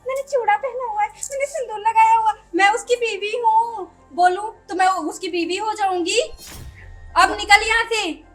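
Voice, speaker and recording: A woman's voice: extremely high pitch, normal speed, hardly any pauses, faint music behind. A young woman acting a suspicious, sarcastic wife who scolds the intruder in a comedy skit. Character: young wife guarding her husband, sharp-tongued and suspicious. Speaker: comedy sketch actor.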